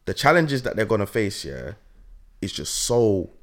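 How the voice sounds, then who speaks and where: A man's voice: lowish voice, very animated, moderate pace, fairly bright tone. A young man with a London roadman accent, chatting casually and emphatically in heavy street slang as he tells stories. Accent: London roadman, Multicultural London English. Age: young adult.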